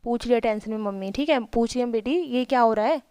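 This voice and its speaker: Woman teacher, bright clear voice, dry close sound; slow reading, chatty explaining. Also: a little high, no room sound. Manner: reads English lines slowly, then explains in Hindi; repeats and rephrases, asking rhetorical questions. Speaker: English teacher. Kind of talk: reading a textbook story and explaining it line by line.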